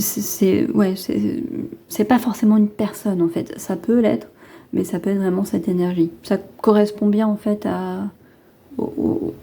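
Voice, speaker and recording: A tarot reader hosting a session chats casually with viewers, hesitant and rambling as she thinks aloud, while a head cold lingers on. Her mid-range voice carries vocal fry and a warm tone.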